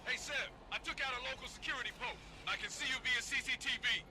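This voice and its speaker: An actor playing a male military squadmate who gives brisk instructions in a video game. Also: very high voice, background noise. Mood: brisk, instructive. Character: male military squadmate guiding a sergeant by radio. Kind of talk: video game radio briefing.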